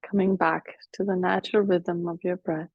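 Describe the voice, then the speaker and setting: A woman leading a guided breathing meditation as a teacher, speaking softly and soothingly, with some cues half whispered. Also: lowish voice, level tone, slightly rough, no echo, lo-fi sound. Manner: soft, slow, soothing guidance with whispered cues.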